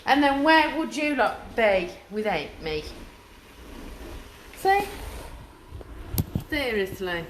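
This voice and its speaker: A woman's voice: on the high side, very animated, takes it slowly, long pauses. An English woman chatting casually and cheekily to live viewers as a home cooking show host. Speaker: home cook hosting a live cooking stream. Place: indoors in a home kitchen. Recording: noisy home recording with background ambience.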